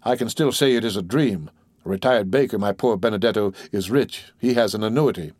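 A man's voice: fairly low pitch, a little fast, a little mellow, no room sound, close to an everyday voice. A man voicing a sly, sentimental old male innkeeper who talks in a wheedling, sententious way, in an audiobook.

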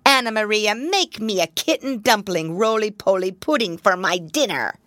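A woman voicing a gruff old male rat, speaking in a bossy, demanding way. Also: medium pitch, lively intonation, moderate pace, a bit bright, no echo, clean studio sound, voice pushed up, natural voice.

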